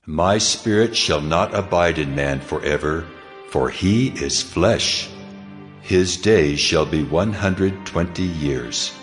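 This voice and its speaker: An actor playing God in a dramatized scripture reading, a solemn almighty deity speaking in a grave, commanding, declamatory way. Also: male voice, low-pitched, slow. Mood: solemn decree. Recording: long cavernous reverb over music.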